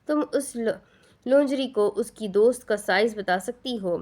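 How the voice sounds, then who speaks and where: A woman voicing a quiet, reserved male client who says little. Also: on the high side, natural voice. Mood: puzzled. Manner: reserved, brief.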